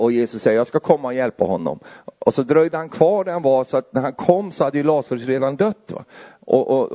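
A man preaching a sermon in a conversational way, often adding tag questions and getting louder and higher as he builds. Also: lo-fi sound.

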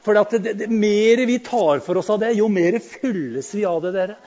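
A man preaching a sermon who talks to the congregation directly and swings between quiet musing and loud, fervent exclamations. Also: high voice, expressive, highs cut off. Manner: conversational, addresses the congregation directly.

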